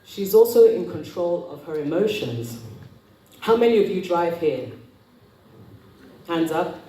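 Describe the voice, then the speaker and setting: A woman's voice: fairly low pitch, lively intonation, unhurried, warm tone. Prim, precise woman speaker in an echoey room. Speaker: etiquette coach speaking at an event. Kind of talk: motivational talk to a live audience. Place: indoor event room with audience. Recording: roomy, distant mic, noisy hall.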